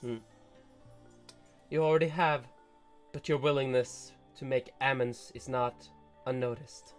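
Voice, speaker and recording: A man reading the lines of a proud, tragic snake-woman noble aloud in a measured, solemn way. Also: mid-range voice, fairly even intonation, faint music behind, pitched below the performer's own voice, natural voice. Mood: wistful. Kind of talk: reading game dialogue aloud.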